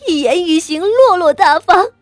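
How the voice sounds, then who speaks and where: A woman's voice: extremely high pitch, animated, moderate pace, dry recording, soft background music, pitched above the performer's own voice. A woman voicing a wronged wife and mother who pleads and protests through tears. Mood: desperate. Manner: pleading, rising to sobs.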